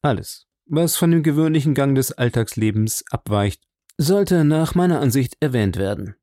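A man's voice: mid-range voice, lively intonation, normal speed, dark tone, dry recording, studio quality, natural voice. A man reading an audiobook, voicing a keen male detective who asks pointed, probing questions. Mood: inquisitive. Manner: pointed, inquisitive questions, lifted emphasis.

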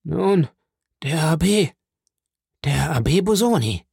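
A man voicing a stern, solemn nobleman who speaks slowly and gravely. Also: on the high side, expressive, a little mellow, no room sound, clean studio sound, pitched above the performer's own voice, heavily acted. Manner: slow, grave, measured.

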